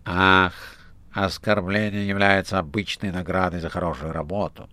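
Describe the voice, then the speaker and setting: Sly, coaxing male demon in an audiobook, read by a man, very low with a sharp, bright edge. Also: steady tone, normal speed, dry recording. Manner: soothing, gently mocking. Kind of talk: audiobook character voice.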